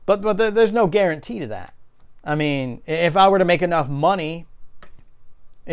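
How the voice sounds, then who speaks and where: A man's voice: fairly high pitch, clear, resonant tone. A man giving a casual, unscripted opinion rant, blunt and indignant, swearing often. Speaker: video creator giving commentary.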